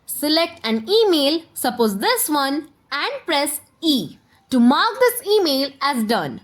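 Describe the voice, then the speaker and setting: Narrating a scripted software tutorial at a slow pace, a high-voiced woman speaks straight to the viewer like an instructor, walking through the steps in sequence. Her pitch moves up and down with lively animation.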